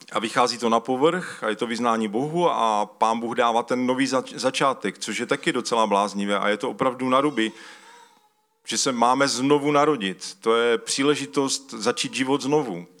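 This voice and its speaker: A man's voice: medium pitch, fairly bright tone. A man preaching a casual, conversational sermon, stopping to ask for slides and reading a scripture passage aloud. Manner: conversational, calls for slides mid-talk; uses loose spoken fillers and restarts.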